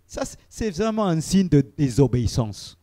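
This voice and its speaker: A male pastor preaching a sermon to his congregation, swinging between loud exclamations and quiet asides, addressing the listeners directly. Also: fairly high pitch, big pitch swings, moderate pace. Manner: addresses the congregation directly, mimics quoted spouses.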